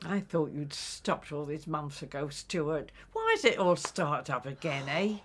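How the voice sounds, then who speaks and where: A woman's voice: low voice, very animated, unhurried, a little hiss or hum. An actress playing an exasperated woman who scolds with sarcasm.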